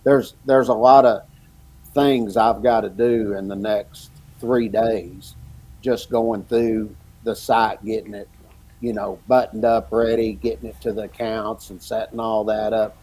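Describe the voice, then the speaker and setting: A man's voice: lowish voice, level tone, a little slow, warm tone, breathy edge. An older man, a podcast host, talking in a rambling, casual way and chuckling through his stories. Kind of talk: casual chat.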